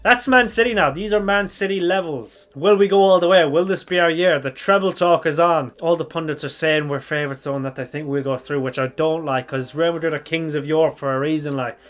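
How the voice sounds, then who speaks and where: A young man hosting a football fan channel chats casually through a reaction vlog, his fairly high voice slightly croaky from shouting. He thinks aloud and corrects himself as he goes.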